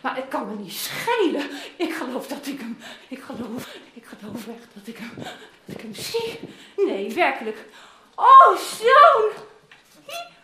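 A woman playing a loving older father who longs for his lost son, telling a Bible story to children in an animated, coaxing way. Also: a little high, moderate pace. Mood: tender. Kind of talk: interactive Bible story role-play for children. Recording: roomy echoing room.

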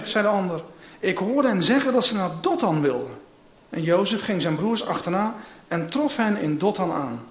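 A man preaching, reading a scripture passage aloud and giving dramatic voice to the speakers in it, then starting his sermon. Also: high voice. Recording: echoey room.

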